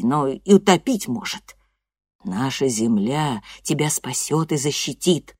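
A woman voicing a strict, blunt old grandmother who speaks slowly and sternly. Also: warm tone, no room sound, clean studio sound, exaggerated voice. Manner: slow, low, stern.

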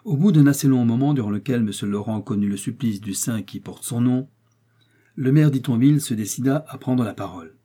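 Man reading an audiobook, darkish husky voice, steady pace. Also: mid-range voice, a little fast. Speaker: audiobook narrator. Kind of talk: scripted narration.

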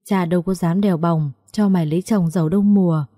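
A woman voicing a poor, gentle old father who speaks tenderly in a husky, tearful voice. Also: fairly low pitch, fairly even intonation, brisk, no echo, clean studio sound, lightly acted.

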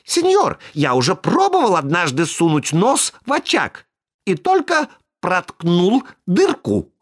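A narrator voicing a pitiful wooden puppet boy who whines in a thin, high voice. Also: wildly swooping pitch, measured pace, breathy edge, full character voice. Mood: whining plea. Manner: high wailing, pleading.

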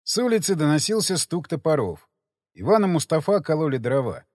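A man narrating an audiobook in scripted, expressive storytelling. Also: on the high side, a little fast. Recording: dry close mic with long added reverb.

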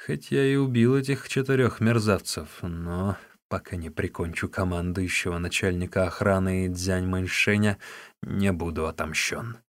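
A man's voice: sits low, steady tone, moderate pace, no room sound, natural voice. A man voicing a fierce, bold male hero warrior who speaks in a mocking, menacing way. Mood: grim.

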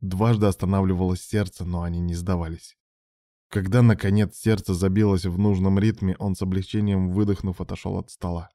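A man reading a dramatic story aloud, narrating in a steady, dramatic way. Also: deep voice, brisk, no echo, studio quality.

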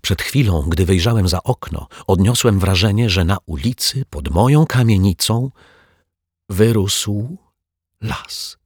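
A man voicing an embarrassed, unsure male client in a children's story, talking quietly and hesitantly. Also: on the low side, expressive, a little slow, breathy edge, no echo, studio quality, pitched above the performer's own voice. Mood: ashamed whisper. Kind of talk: storybook character voice.

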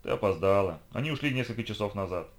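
A man doing a gruff, wary bartender. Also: lowish voice, lively intonation, fast, natural voice. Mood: evasive.

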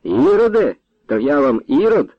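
A man voicing a cruel, furious Cossack captain who shouts in a raised, harsh voice. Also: fairly high pitch, big pitch swings, moderate pace, no room sound. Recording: dull lo-fi dry audiobook recording.

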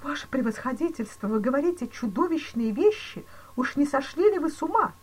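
Woman reading a frightened male banker, shrill and panicky, pleading, high pitch swinging wildly, storybook. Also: big pitch swings, brisk, low-quality recording. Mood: panicked. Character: terrified middle-aged male banker, pleading.

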